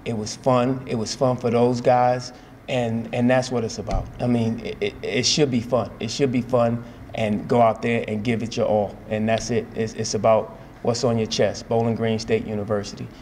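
Seated at table microphones in a press room with a sponsor backdrop, a male head basketball coach in his forties gives post-game remarks. He speaks in a steady, measured way with frequent fillers and repetition, at a medium pitch, and a little hiss or hum runs underneath.

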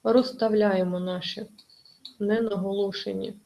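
A woman teacher giving an online exam-prep lesson. Her voice has a gravelly edge at a middle pitch. She explains carefully and stops often with filler sounds. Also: steady tone, unhurried, dark tone, a little hiss or hum, poor audio. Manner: careful explaining with frequent hesitations.

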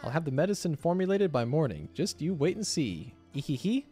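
A man's voice: on the high side, sing-song, a little fast, warm tone, faint music behind, pitched above the performer's own voice. A man voicing an eager, sneaky scientist from a video game, scheming with a devious, menacing edge. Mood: sneaky glee. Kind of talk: reading video game character dialogue aloud.

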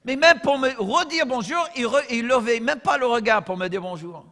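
American pastor preaching with humor, echoing hall. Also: male voice, extremely high pitch, moderate pace. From United States. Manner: swings from soft asides to loud shouted preaching; humorous storytelling. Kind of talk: sermon. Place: church. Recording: long church reverb.

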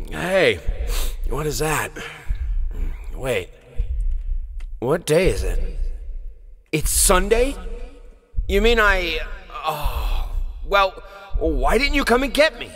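An actor playing a temperamental, obsessive painter and stern father in a video game, talking slowly and sternly and then flaring up. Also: a little high, sing-song, a bit bright, full character voice. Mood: irritated, shouting. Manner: slow, stern, then explosive. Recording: reverberant game audio.

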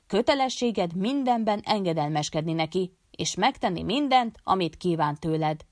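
A woman voicing a shouting, domineering old sheikh. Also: lowish voice, expressive, no room sound, clean studio sound, lightly acted. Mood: furious. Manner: barking orders, shouting. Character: harsh domineering older male sheikh, a father.

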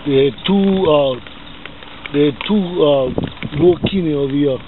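Filmed on a handheld camera inside a car by the shore, this tinny recording catches a Hawaiian local vlogger chatting casually as he tours. His voice is fairly high and his pace moderate. Car noise is loud, and the phone audio is band-limited.

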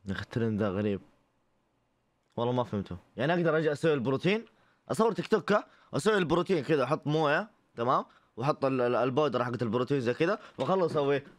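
A man's voice: medium pitch, animated, rapid-fire. Wry Saudi man reacting to clips. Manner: wry, incredulous asides with mock disbelief. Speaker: host reacting to TikTok clips. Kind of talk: casual comedic commentary.

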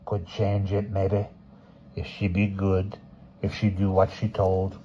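A man voicing an ancient female fortune teller who speaks slowly and deliberately in rhythmic, cajoling phrases. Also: low-pitched, monotone, warm tone, breathy edge, lo-fi sound, exaggerated voice. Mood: ominous. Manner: slow, deliberate, rhythmic speech.

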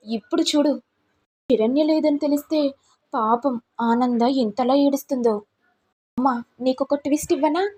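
A woman's voice: sits high, darkish tone, slightly rough. A woman voicing a scheming young daughter-in-law in a told family drama, sly and plotting.

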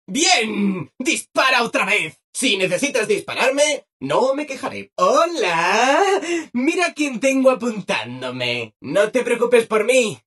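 Yes Man, high-pitched cheerful Spanish robot. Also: bright, forceful tone, husky, exaggerated voice. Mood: giddy, excited. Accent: Castilian Spanish. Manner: exaggeratedly upbeat, fawning, sing-song. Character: relentlessly cheerful, servile, eager-to-please robot. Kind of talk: video game voice acting.

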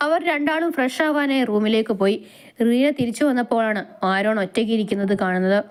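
A woman's voice: fairly high pitch, fast, clean tone. A woman with a Malayali accent narrating a romance story aloud, reading it dramatically and giving each character a voice.

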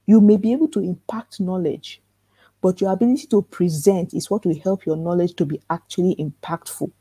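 A soft-spoken woman hosts a live online workshop for authors, talking into a computer mic on a webinar. Her lowish, brisk voice has a breathy edge and no echo, and her coaching is earnest and repetitive, sprinkled with rhetorical questions.

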